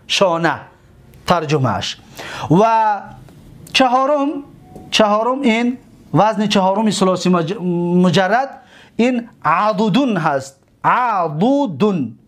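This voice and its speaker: A man with a Tajik accent teaching a grammar lesson, asking questions and stretching out words slowly as he repeats them. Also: high-pitched. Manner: drawn-out slow repetitions of words, questions to students. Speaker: religious school teacher.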